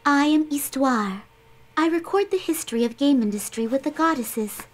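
A woman voicing a gentle, formal tome spirit in a video game, polite and measured like a heavenly goddess. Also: high voice, animated, a little hiss or hum. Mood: patient, formal. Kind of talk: English video game voice acting.

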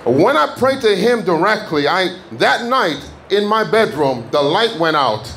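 Fervent high-voiced preacher from Jamaica. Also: male voice, sing-song, unhurried, a little hiss or hum. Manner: fervent, building to shouted declarations. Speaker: guest preacher. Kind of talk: sermon testimony. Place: church sanctuary.

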